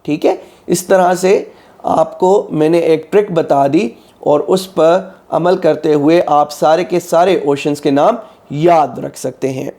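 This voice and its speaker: He is an exam prep tutor from Pakistan whose voice is warm, on the high side, and unhurried, though his throat is slightly sore. In this instructional lecture he proceeds methodically, keeps checking in with students, and often repeats "ठीक है."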